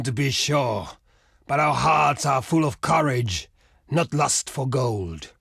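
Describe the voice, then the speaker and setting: A strategy video game's proud barbarian chieftain speaks in a voice a little high for a man and thick with gravel and husk. In exaggerated, old-fashioned phrasing, he declaims solemnly and defiantly in dramatic diplomacy lines, full of dry disdain. The recording is close and dry, with no room sound.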